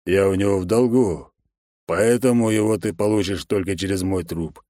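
Brief: male narrator as a low, slow-drawling thug husband, crude and sarcastic. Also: dark tone, dry recording, studio quality, lightly acted. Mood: gruff. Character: rough adult male hitman, jealous husband.

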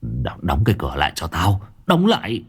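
A man's voice: sits low, huge pitch swings, brisk, husky, exaggerated voice. Male narrator as a cowardly, domineering old master, weak and gasping, swings from whimpers to shrieks. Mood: weary, commanding. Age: older. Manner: gasping in terror, then weak and bossy. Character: frightened, bad-tempered old village master.

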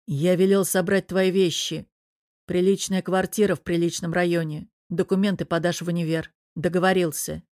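A woman's voice: on the low side, level tone, moderate pace, darkish tone, dry recording, clean studio sound, close to an everyday voice. A woman voicing a cold, menacing young male crime boss, speaking in clipped, curt phrases.

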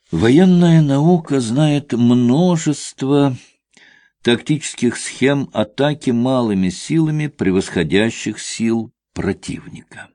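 A man reading a thriller audiobook aloud in a measured, tense narrating style. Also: medium pitch, darkish tone, dry recording, clean studio sound. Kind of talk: dramatic scripted narration.

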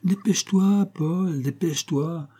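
A man voicing a mischievous, bold little girl in a storybook reading, lifting his pitch and coaxing. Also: brisk, husky, close to an everyday voice. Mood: urgent. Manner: lively, coaxing, raised girlish pitch.

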